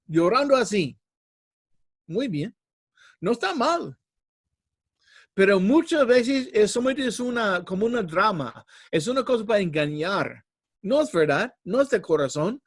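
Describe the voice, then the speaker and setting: A man's voice: high voice, sing-song, normal speed, studio quality. A middle-aged man preaching an earnest sermon in a church hall, often calling the listeners brothers.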